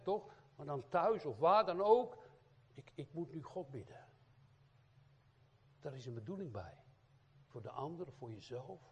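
A man preaches a sermon in a conversational way, often checking in with the congregation through short tag questions. His voice is husky and sits at an ordinary middle pitch. He speaks as an evangelist addressing a church. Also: a little mellow. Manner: informal preaching with frequent tag questions and fillers.

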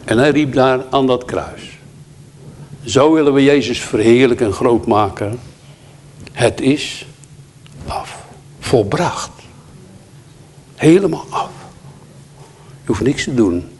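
A man's voice: mid-range voice, slow, pauses often, darkish tone, a little hiss or hum. A man preaching a sermon, earnest, quoting scripture and hymn verses and telling a pastoral story. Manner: earnest, quotes scripture and hymns.

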